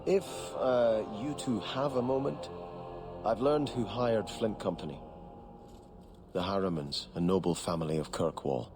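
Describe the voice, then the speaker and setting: An actor playing a devout young nobleman in a game, speaking in an earnest, formal, measured way. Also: on the low side, music in the background. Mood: solemn. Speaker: game character.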